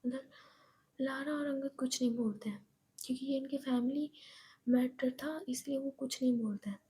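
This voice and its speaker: A woman telling a love story episode in a hushed, whispered narration. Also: high-pitched, steady tone, moderate pace, husky.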